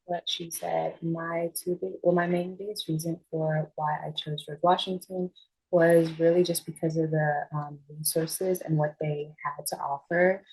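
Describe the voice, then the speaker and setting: A young woman with a deep, husky voice talks on a student panel over a video call. Her delivery stays flat, casual and a little hesitant. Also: measured pace, low-quality recording. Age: young adult. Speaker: incoming college student panelist. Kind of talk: panel answers.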